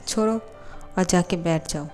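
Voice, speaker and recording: A woman voicing a calm, teasing young male college student who coaxes his rival, in a storybook reading. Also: lowish voice, a little slow, faint music behind, natural voice. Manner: teasing, coaxing.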